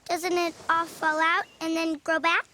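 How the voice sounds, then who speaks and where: A woman's voice: very high-pitched, flat delivery, measured pace, sharp tone, a little hiss or hum, full character voice. A woman voicing a curious, plucky young girl who asks earnest questions, in a radio play.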